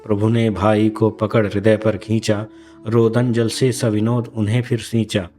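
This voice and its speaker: A man recites classical verse in a solemn, measured way. His voice is low and mellow, and he keeps the pace slow, with soft music behind him. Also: level tone, echoey room. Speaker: poetry reciter.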